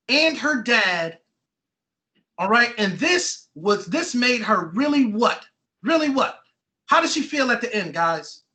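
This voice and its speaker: During an interactive read-aloud, an author quizzes children about the book, encourages them, repeats what they say, and keeps asking "right?" and "okay." The medium-pitched voice sounds pushed and bright.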